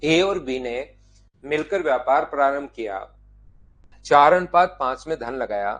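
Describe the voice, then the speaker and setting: A man's voice: a little high, animated, measured pace, a bit bright. A man, teaching an online math class, explaining step by step and asking students to answer yes or no.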